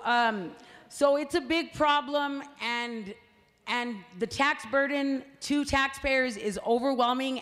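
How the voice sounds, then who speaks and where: In a reverberant community meeting hall, a woman from a party delivers a public speech to the crowd. Her slightly high voice has a fairly bright tone, and her style is chatty, packed with fillers and frequent "right?"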